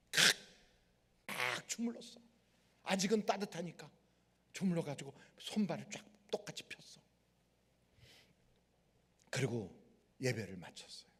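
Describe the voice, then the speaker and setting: A man's voice: high voice, breathy edge. A male pastor preaching a sermon and telling stories vividly, acting out the people in them, in a large worship hall. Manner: animated storytelling, acting out the people in his story. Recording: long hall reverb.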